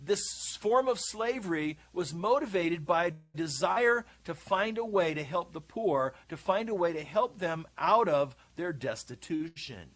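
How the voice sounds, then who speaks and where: A man explaining in a measured, methodical lecture, played from a video. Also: sits high, lively intonation. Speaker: bible teacher in a played video.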